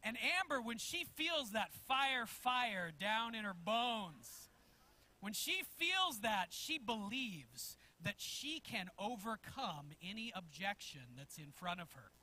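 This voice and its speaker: In a church sanctuary, a pastor preaches a sermon, animatedly telling a story and chuckling as he goes. His voice sits high and he speaks slowly.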